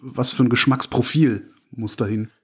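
A man's voice: medium pitch, steady tone, moderate pace, fairly bright tone, breathy edge. A man hosting an interview, firing off short questions and adding brief teasing follow-ups. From outside Franconia, Germany. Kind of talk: quick-fire interview questions.

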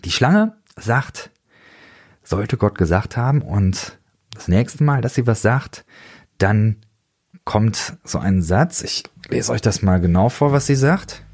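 A man hosting a reflective solo theology podcast, lively and often mimicking strict voices to make a point. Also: lowish voice, slow, breathy edge. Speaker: podcast host.

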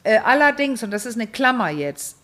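A woman's voice: fairly high pitch, sing-song, normal speed, fairly bright tone. A woman hosting a podcast in casual chat, talkative and digressive, often restarting her sentences. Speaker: podcast host.

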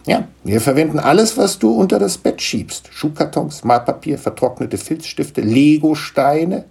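A man voicing a small, bearded male dust gnome in a storybook reading, fussy and excitable with a gravelly, husky voice. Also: fairly high pitch, measured pace, voice pushed up, full character voice. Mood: eager chatty. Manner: fussy, excitable, tearful complaining.

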